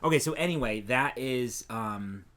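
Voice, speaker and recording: A man's voice: medium pitch, unhurried. A man co-hosting a casual crafting podcast, talking loosely and restarting often as he shows his blanket. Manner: relaxed, trails off and restarts while showing work. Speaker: podcast co-host. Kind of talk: casual chat about crochet.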